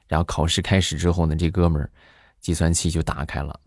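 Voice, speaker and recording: A man's voice: rumbling low, fast talker, no room sound, clean studio sound. A middle-aged man hosting a joke show, telling funny stories in a monologue and acting out the voices in them. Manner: animated storyteller who acts out quoted voices.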